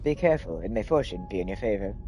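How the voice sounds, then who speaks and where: A man's voice: lowish voice, lively intonation, fast talker, over music, close to an everyday voice. A man voicing a formal, apologetic male robot assistant in a video game, in a slightly robotic delivery. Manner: polite, stiff, apologetic.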